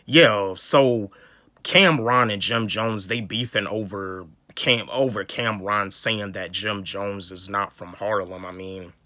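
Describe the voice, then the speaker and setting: This North Carolina YouTuber, a young Southern man, offers a casual, rambling take on a rap feud, repeating words frequently. He speaks slowly in a lowish voice that sounds pushed and bright, with no echo.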